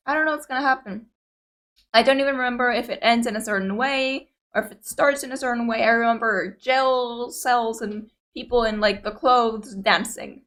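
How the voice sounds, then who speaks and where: A young woman from Cyprus speaks with a fairly high, somewhat bright voice and a Greek Cypriot accent; Greek is her native language. As a reaction video host, she chats and rambles to her viewers. Her speech is hesitant and full of fillers.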